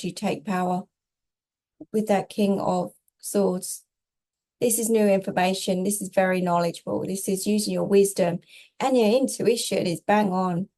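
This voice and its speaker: A woman with a warm, relaxed voice of average pitch delivers a tarot reading as casual spiritual guidance. She is reassuring yet emphatic, stacking short phrases and repeating them to press the message home. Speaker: tarot reader, host.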